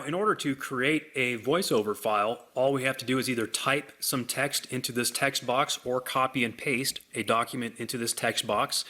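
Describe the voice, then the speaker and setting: A man hosting a software demonstration, walking through it in an upbeat sales manner. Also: mid-range voice. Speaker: software demo host. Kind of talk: product demonstration.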